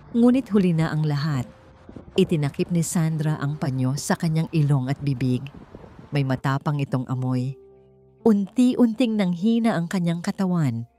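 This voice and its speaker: A woman with a fairly low, dark-toned voice narrates a scripted romantic drama like a dramatic storyteller. Faint background music plays beneath her.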